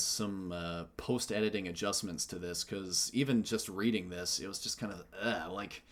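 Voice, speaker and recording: A man hosting a gaming channel, reading a game mod aloud and breaking in with wry, joking asides. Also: on the low side.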